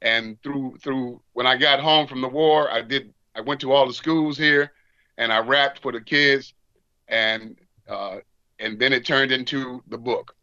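A man's voice: medium pitch, steady tone, a little slow, bright, forceful tone, smooth, no echo, highs cut off. A middle-aged American man from Washington, D.C., an interview guest reminiscing as a veteran about his life in an earnest, emphatic, conversational way, repeating phrases for effect. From Washington, D.C., United States.

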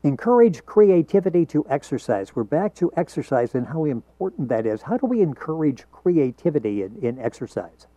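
A man's voice: on the high side, sing-song, normal speed, hardly any pauses, mellow, dry recording. A man hosting a radio talk show, interviewing a guest, heard as recorded off the radio. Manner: friendly, leading the guest through tips. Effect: heard as taped off the radio. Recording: dull, dry radio broadcast recording.

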